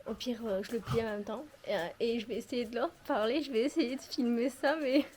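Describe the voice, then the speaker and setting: A young vlogger from the Perpignan region, southern French accent and all, chats to her viewers while working on chores on her terrace outdoors. Her fairly high, slightly mellow voice stays fairly even in intonation and runs a little fast, with a chatty, self-mocking tone. A little hiss or hum sits under the recording.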